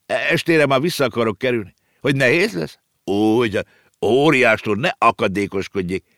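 A man's voice: mid-range voice, lively intonation, fairly bright tone, dry recording, clean studio sound, voice pushed up. A man voicing a courteous, matter-of-fact talking circus horse in a storybook reading.

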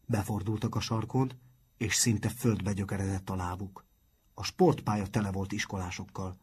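A man reading a children's novel aloud in a calm, measured audiobook narration. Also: on the low side, slightly rough.

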